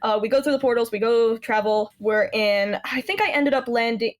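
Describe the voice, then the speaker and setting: Female player, fairly high voice, casual and rambling, animated storyteller. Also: moderate pace. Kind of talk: casual podcast chat recapping a tabletop game.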